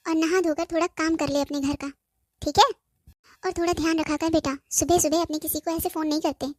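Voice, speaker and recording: A woman's voice: high-pitched, dry recording, studio quality, natural voice. A woman voicing a worried cartoon mother on the phone who presses her daughter with questions and scolds her firmly. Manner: anxious questioning, then firm scolding. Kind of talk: cartoon voice acting.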